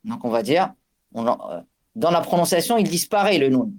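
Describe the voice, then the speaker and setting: A man's voice: fairly high pitch, big pitch swings, a little mellow. Guy teaching recitation rules, lots of euh and restarts, chants the arabic bits. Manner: explains slowly, with many fillers and restarts. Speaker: religious teacher. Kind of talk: tajwid lesson.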